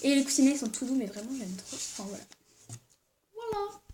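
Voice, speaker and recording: A high-voiced woman chats to camera as a vlogger, excitable and gushing, filling her talk with little fillers. A steady hiss of noise sits under the recording. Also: brisk. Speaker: vlogger showing Christmas presents. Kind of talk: casual chat to camera. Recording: noisy background hiss.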